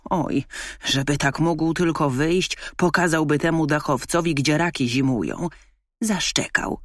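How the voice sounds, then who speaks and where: A woman reading a children's story aloud, narrating in an expressive, lively way. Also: deep voice, slightly rough, dry recording. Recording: dry close studio sound.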